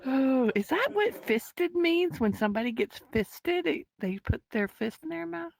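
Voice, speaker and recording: A woman giggles through a casual, flirty chat as co-host, her speech slow and drawn out with a gravelly edge. Her pitch swings widely, and the sound is dry and close. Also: expressive. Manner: giggly, drawn-out, mock-innocent. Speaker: podcast co-host.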